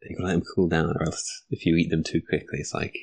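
Very deep-voiced man chatting. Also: level tone, quick pace, vocal fry, a little mellow. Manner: chatty, laughs while describing food. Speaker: podcast guest. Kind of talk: casual podcast chat.

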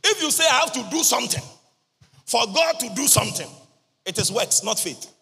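A man preaches in a very high, husky, gravelly voice, chanting half-sung lines and breaking into shouts. The sound rings bright and sharp. His voice echoes through a large hall with soft music underneath. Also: sing-song, brisk. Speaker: prophet preaching. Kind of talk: sermon. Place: large church or convention hall. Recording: reverberant hall with music behind.

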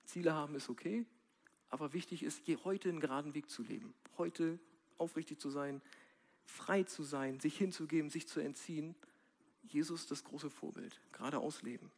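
A man giving a sermon in a casual, direct way, with slang and slow, quiet stresses. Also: a little high, vocal fry. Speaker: preacher.

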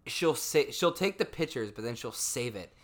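A man's voice: mid-range voice, lively intonation, normal speed. A young man in casual podcast chat, joking around, swearing casually and laughing between lines.

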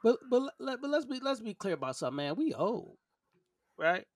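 Opinionated man in his thirties, high-pitched voice. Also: sing-song, brisk, dry recording. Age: 30s. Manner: emphatic, opinionated, repeats himself. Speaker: podcast co-host. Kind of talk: casual opinionated debate chat.

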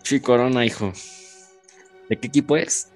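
A man's voice: mid-range voice, fairly even intonation, moderate pace, faint music behind. A teenage boy with a Mexican Spanish accent, co-hosting a podcast in casual banter, teasing and insistent, calling his friend "hijo". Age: teens. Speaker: podcast co-host.

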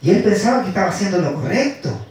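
A man with a fairly high voice preaches a sermon, going back over scripture lines and slowing down to press them home. He sounds set back from the microphone in a strongly echoing hall. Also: very animated, darkish tone. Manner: repeats and dwells on scripture lines, slowing for emphasis. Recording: echoey room, voice from far off.

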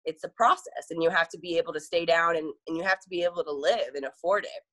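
Casting: young adult woman, relaxed interview guest, rambling and laughing, lower voice. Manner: chatty, fast, filler-heavy with frequent "like" and laughs. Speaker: event promoter, guest. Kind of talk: casual interview chat.

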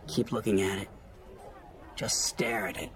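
A man voicing an earnest young male knight in an audiobook, speaking softly and sincerely. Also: on the low side, flat delivery, measured pace, a faint crowd, slight background noise. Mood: gentle.

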